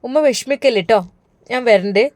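A woman voicing a gentle, soothing young pregnant daughter with a Malabar Malayalam accent. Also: on the high side, brisk, dry recording, lightly acted. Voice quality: soft, soothing. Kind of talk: storybook narration.

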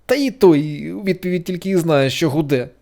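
High squeaky little caterpillar girl, whiny and self-pitying, storybook voice, put on by the narrator. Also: fairly quick, creaky, mellow, natural voice. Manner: whiny, tearful complaining. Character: fretful chatty female caterpillar, self-pitying. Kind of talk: storybook character voice.

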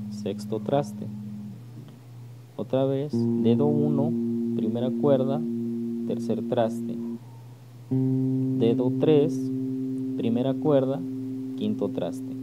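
Brief: Mexican man, bass teacher, unhurried, mid-pitched, patient tutorial delivery, loud bass playing underneath. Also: dull audio. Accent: Mexican Spanish. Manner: patient, repeats "¿ok?" to check understanding. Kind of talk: step-by-step music tutorial.

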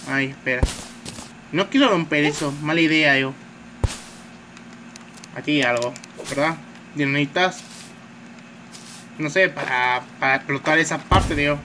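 A man's voice: on the high side, measured pace, pauses often, background noise. A man giving casual gameplay commentary, chatty, peppering his talk with a filler word and swearing at enemies. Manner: chatty, says "tío" constantly, swears at enemies. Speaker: gamer. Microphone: phone mic.

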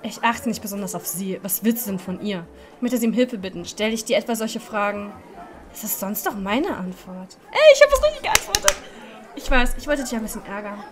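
A woman's voice: mid-range voice, fairly quick, a crowd in the background. A woman hosting a let's-play, reading a dating game aloud and voicing every character, playful and laughing at her own slips.

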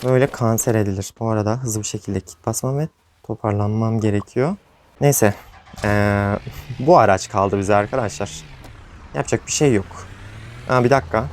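A man's voice: fairly low pitch, darkish tone, slight background noise. A young man giving casual commentary over his own gameplay, often exasperated and venting to viewers. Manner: frustrated, exasperated outbursts, rambling to viewers. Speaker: gaming YouTuber.

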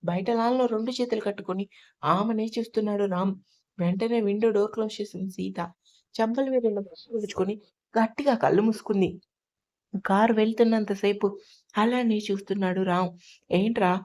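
A woman's voice: medium pitch, steady tone, brisk, a little mellow. Woman narrating a love story.

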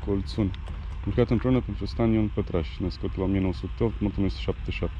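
A man's voice: fairly low pitch, steady tone, warm tone, highs cut off. Chatty man vlogging on an outdoor camera. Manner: chatty, reads grave verses aloud. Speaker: motovlogger. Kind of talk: casual travel vlog chat. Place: outdoors in a village cemetery. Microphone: action camera. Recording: outdoor camera audio with background noise.

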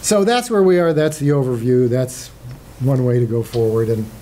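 Older man, lecture with slides, mellow voice, casual halting delivery, light background hiss. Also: medium pitch. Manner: conversational, with frequent fillers and restarts. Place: lecture hall.

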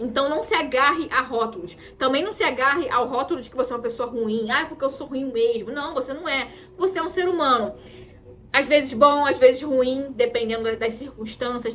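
A woman's voice: high-pitched, a bit bright, a little hiss or hum. A Brazilian woman giving an emphatic motivational talk as a mentor, repeating her key phrases for stress. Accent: Brazilian Portuguese. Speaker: women's mentor.

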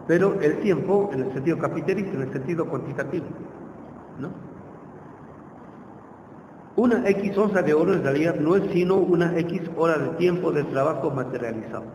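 A man's voice: a little high, moderate pace, pauses often, a little mellow. A man giving an informal classroom lecture, constantly checking in with his listeners with tag questions. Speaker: university lecturer. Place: lecture room. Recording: roomy hall echo, faint noise.

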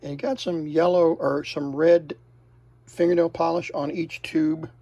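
Working at electronics benches in an indoor workshop, the middle-aged American host of a vintage radio repair channel walks through a casual repair. His voice is fairly high and dark-toned, with little pitch movement and an unhurried pace, as he hesitantly thinks out loud.

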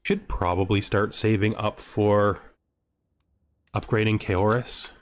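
A gaming video host gives casual commentary on a strategy game, thinking aloud and talking to himself as he plays over background music. His voice is on the low side with a steady tone, and he takes it slowly. There's slight background noise.

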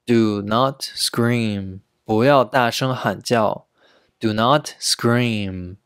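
A man's voice: fairly low pitch, fairly bright tone, smooth, no room sound. Male English teacher, repeats each phrase, dry close-mic sound. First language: Chinese. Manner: repeats each word and sentence several times, slow and deliberate. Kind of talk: slow repeated pronunciation drills.

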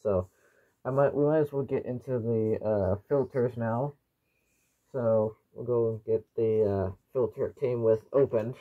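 A man's voice: medium pitch, measured pace. A young man giving a casual, rambling, explanatory product review, his voice muffled through a gas mask. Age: young adult. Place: small living room at home, indoors.

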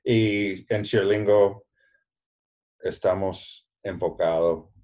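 A very deep-voiced man with an American accent speaks slowly and carefully, mixing learner's Spanish with English. He sounds encouraging as he explains his language program over a video call. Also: steady tone, darkish tone. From United States. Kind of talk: casual bilingual video call chat.

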